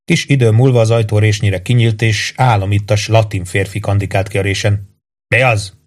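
Male narrator, low voice, measured audiobook reading. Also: little pitch movement, darkish tone. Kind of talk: scripted narration.

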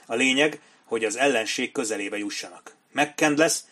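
A man reading a war novel aloud as an audiobook narrator, in steady, measured storytelling. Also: mid-range voice.

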